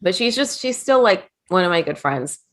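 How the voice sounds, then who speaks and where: Brief: woman, middle-aged, low-pitched, animated storyteller, interview guest. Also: moderate pace. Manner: chatty, animated anecdotes with quoted voices. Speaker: interview guest, former wrestling manager.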